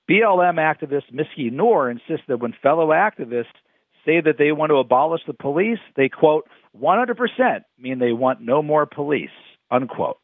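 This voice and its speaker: A man's voice: on the high side, expressive, moderate pace, no echo. A man delivering a scripted radio commentary, emphatic and quoting his sources. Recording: dry phone-like radio sound.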